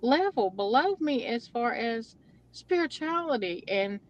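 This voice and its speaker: A woman calling in to a livestream and speaking earnestly and emotionally about her spiritual feelings, often halting mid-thought. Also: on the high side, animated, dull audio. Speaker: caller. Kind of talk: casual spiritual chat.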